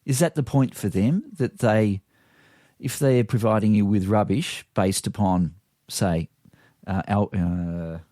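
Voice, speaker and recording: A man's voice: lowish voice, slow, warm tone, no room sound, studio quality. A man hosting a podcast, asking his guest questions in a casual, self-deprecating way. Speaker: podcast host. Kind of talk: conversational podcast interview.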